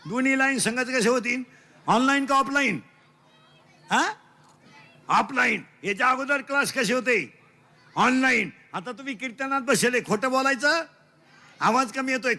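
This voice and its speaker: A man with a Marathi accent giving a comic devotional sermon, loud and teasing, quizzing his listeners in call-and-response and mixing in broken English lines. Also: very high-pitched. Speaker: kirtan preacher.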